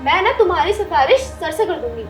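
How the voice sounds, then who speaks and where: An actress playing a haughty job candidate who mocks others with scorn. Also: female voice, extremely high pitch, very animated, fairly quick, echoey room, soft background music. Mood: scornful. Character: snobbish, mean woman job candidate.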